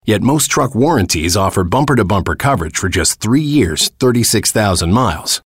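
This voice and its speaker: A man narrating a scripted truck commercial as an announcer, with an emphatic, tough-guy sales pitch. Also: expressive, fairly quick, breathy edge, no echo, studio quality.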